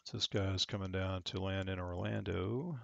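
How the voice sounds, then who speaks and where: This man, a virtual air traffic controller, alternates between procedural ATC radio calls and casual explanation, spelling out digits and call signs. His voice is low, gravelly and a bit bright, with a steady tone at normal speed. The recording is dry and lo-fi.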